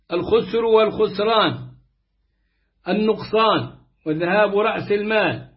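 A man reading aloud a classical Quran commentary in a steady, formal manner. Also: high-pitched. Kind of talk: measured reading of classical tafsir. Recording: dull lo-fi recording.

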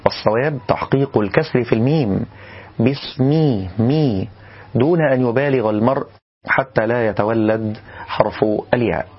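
A man teaching correct recitation in a lesson, explaining calmly and then demonstrating verses slowly and melodiously. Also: mid-range voice, breathy edge, highs cut off. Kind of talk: tajweed lesson.

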